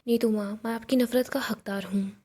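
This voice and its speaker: A woman's voice: a little high, steady tone, a little fast, dark tone, breathy edge. A woman voicing a young man who tearfully begs his mother to forgive him, often close to a whisper. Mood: pleading.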